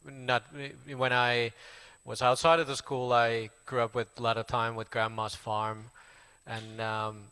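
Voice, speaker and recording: A man in his forties from Finland with a Finnish accent, a Buddhist monk casually introducing himself in halting English full of fillers and restarts. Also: medium pitch, flat delivery, pushed and bright, clear, resonant tone. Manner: halting, many fillers and restarts, plain friendly telling. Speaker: Buddhist monk giving a talk. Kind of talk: casual spoken self-introduction.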